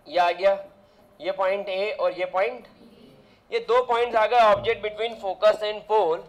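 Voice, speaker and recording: A man's voice: high-pitched, rough recording. A man teaching physics in a casual lecture, drifting into chatty side rants and firing rhetorical questions at his students.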